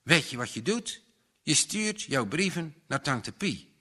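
A man's voice: fairly high pitch, sing-song, unhurried, sharp tone, breathy edge, pitched above the performer's own voice, heavily acted. A man voicing a sincere young man in a spoken story, with an eager, questioning manner and a slightly raised voice. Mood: earnest. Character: searching, sincere young man, easily stirred.

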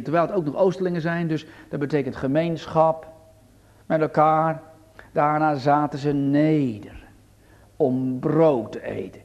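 Dramatic high-voiced preacher. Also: male voice. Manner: dramatic, swings between loud appeals and hushed asides. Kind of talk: sermon.

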